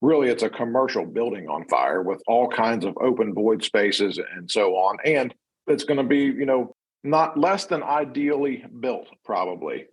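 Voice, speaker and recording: A man's voice: medium pitch, lively intonation, moderate pace, breathy edge, low-quality recording. An American man talking as a fire service instructor in an unscripted discussion, explaining in a conversational way.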